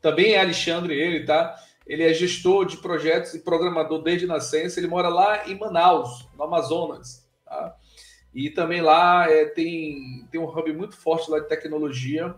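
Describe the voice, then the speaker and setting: Man, live show host, chatty, higher voice, echoey room. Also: steady tone, moderate pace. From Bahia, Brazil. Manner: chatty, informal, frequent filler words. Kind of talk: casual live interview.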